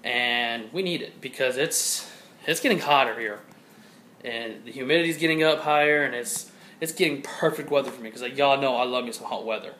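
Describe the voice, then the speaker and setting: Talking a bit fast into a handheld camera, a vlogger from Georgia rambles cheerfully and says things more than once. His mid-range voice has a sharp tone, with slight background noise.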